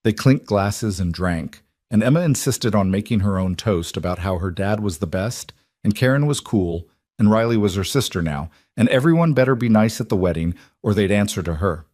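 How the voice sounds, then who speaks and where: A man narrating a romance story in a calm, measured scripted storytelling voice. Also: lowish voice, no echo, clean studio sound.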